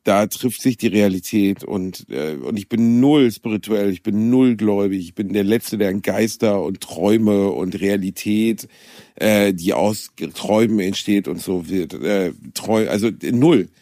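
Low-voiced man telling a story with hesitations. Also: unhurried, mellow, no echo, clean studio sound. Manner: hesitant, many fillers, reflective. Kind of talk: casual chat.

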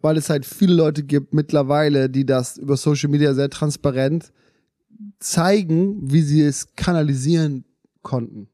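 A man in a casual podcast chat who tells stories in an animated way and rushes through phrases. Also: a little high, no echo, clean studio sound. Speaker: podcast co-host.

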